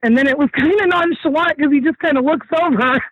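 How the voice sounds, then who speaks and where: Female podcast guest, high voice, dull lo-fi recording, conversational, thinks aloud. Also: fast talker, a bit bright, no room sound. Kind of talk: casual film discussion. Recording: dull lo-fi sound.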